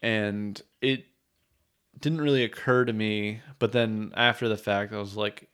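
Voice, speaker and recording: A man's voice: fairly low pitch, steady tone, measured pace, fairly bright tone, smooth. A man co-hosting a casual film discussion, giving opinions in a slangy, profane and somewhat hesitant way. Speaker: podcast co-host.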